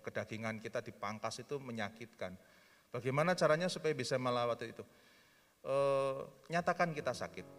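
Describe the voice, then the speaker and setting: A man's voice: medium pitch, a bit bright. A man, a pastor, answering a question at a church seminar, speaking with passion and rising sharply when he voices prayers. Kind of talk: seminar teaching with Q&A. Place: church hall. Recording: long hall reverb with faint music.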